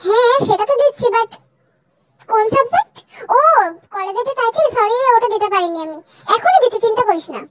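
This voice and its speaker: A woman's voice: very high voice, expressive, fairly quick. A young woman voicing a bossy college girl who teases and scolds her friend, in a fan dub drama. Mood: breezy. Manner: teasing, scolding.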